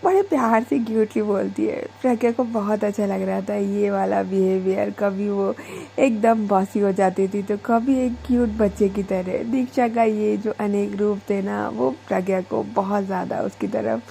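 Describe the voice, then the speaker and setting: A woman's voice: medium pitch, fairly even intonation, normal speed, gravelly, dark tone, faint music behind. A woman telling a love story casually, chatty with hesitant fillers. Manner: chatty, hesitant, mixes English in.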